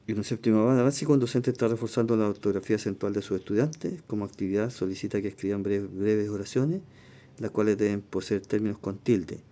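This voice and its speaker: A man leads an exam review lesson, reading passages and then walking through each rule patiently and repeating it. His voice sits fairly low and sounds very dark and mellow. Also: steady tone, brisk. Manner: explains step by step, repeats rules, reads passages aloud. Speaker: language teacher.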